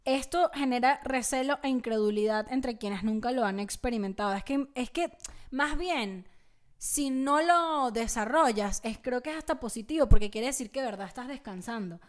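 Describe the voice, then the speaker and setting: A woman's voice: a little high, normal speed. A young woman from Venezuela with a Venezuelan accent, co-hosting a casual, slangy chat and laughing often.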